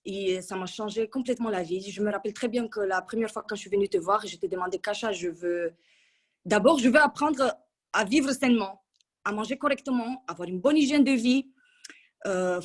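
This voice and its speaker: A woman in her thirties giving a casual testimonial in an interview, chatty and full of restarts. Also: a little high. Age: 30s. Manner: chatty, with many restarts and fillers. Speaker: coaching client giving a testimonial.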